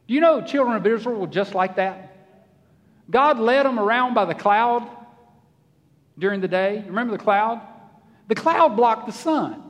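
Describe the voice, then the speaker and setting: Male pastor, high voice, folksy animated sermon, long church reverb.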